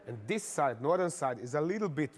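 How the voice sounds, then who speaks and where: Guy briefing on the news, slightly high voice, deliberate step by step. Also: lively intonation. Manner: methodical, deliberate, pointing things out step by step. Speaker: military analyst guest. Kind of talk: expert briefing on a news show.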